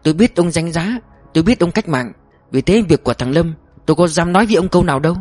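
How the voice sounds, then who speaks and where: A man voicing a sharp-tongued, defiant wealthy older woman who argues with scorn. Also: fairly high pitch, expressive, quick pace, no echo, faint music behind, voice pushed up. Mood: scornful. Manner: scornful, cutting, insistent.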